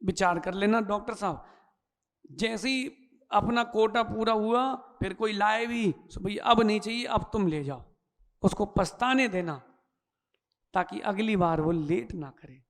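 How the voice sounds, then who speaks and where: A Jain monk giving a sermon, telling folksy stories and acting out the characters in a lively way. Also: male voice, sits high, measured pace. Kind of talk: sermon with storytelling. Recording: long hall reverb.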